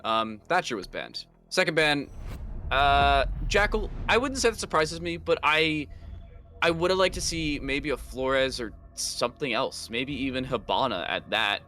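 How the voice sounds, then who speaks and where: A man's voice: medium pitch, lively intonation, measured pace, sharp tone, faint music behind. A man casting a live esports match with dry sarcastic humor, often stammering as he restarts. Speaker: esports caster.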